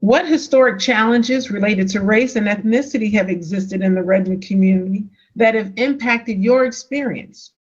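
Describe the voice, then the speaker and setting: A woman moderating a public council meeting, calling on speakers and reading questions in a polite, formal way. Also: on the high side. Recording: dull lo-fi remote audio.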